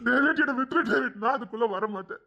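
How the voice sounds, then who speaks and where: A man's voice: very high-pitched, fast talker, creaky, exaggerated voice. A man with a Tirunelveli Tamil accent voicing a tender, pleading gang king who longs for family life in an audio story. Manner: soft, pleading, heartfelt. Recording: dull lo-fi recording.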